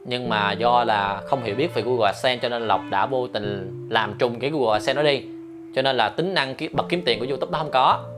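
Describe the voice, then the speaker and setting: A man's voice: medium pitch, a little fast, music in the background. A man hosting a commentary vlog, speaking to viewers directly, with many hesitation fillers and referring to himself by name in the third person. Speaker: lawyer and channel host.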